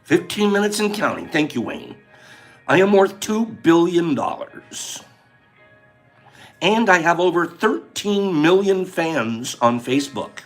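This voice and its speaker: A man hosting a casual livestream, chatty and animated as he reads out viewer names and runs a guessing game. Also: fairly high pitch, measured pace, soft background music. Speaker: livestream host.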